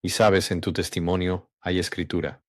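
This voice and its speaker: A man hosting a religious channel, speaking in an unhurried, measured monologue with frequent hums and pauses, then reading a story aloud. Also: low voice, flat delivery, no room sound, clean studio sound.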